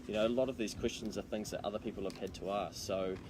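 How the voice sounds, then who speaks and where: An accountant with a New Zealand accent co-hosts a live social video, chatting casually to camera in a matey, slangy way. His voice is lowish and steady and he talks fast, with a noisy background.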